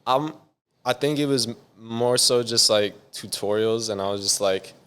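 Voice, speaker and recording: This young man from San Diego, USA, is a music producer chatting in a casual interview, drifting from point to point with lots of "like." He has a mid-range voice at a moderate pace, and the tone is clean.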